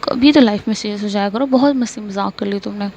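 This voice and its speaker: A woman's voice: medium pitch, fast, dark tone, dull audio, a little hiss or hum, close to an everyday voice. A woman voicing a stern, protective young woman who scolds and orders her friend to rest, in a storybook reading. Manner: scolding, bossy.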